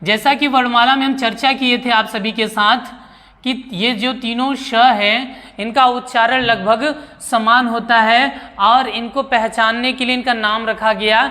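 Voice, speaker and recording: Woman grammar teacher, unhurried, quizzes pupils then answers, long reverberant room. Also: on the high side, steady tone, sharp tone. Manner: poses rhetorical questions to pupils, then answers them; repeats key words slowly and deliberately. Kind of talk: classroom-style grammar lesson.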